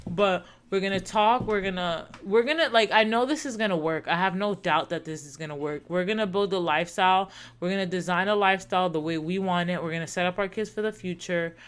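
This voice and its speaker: Her voice is fairly low, brisk and clean-toned, with few pauses. This thirtysomething podcast co-host chats casually, earnest and reflective, and tends to say things more than once.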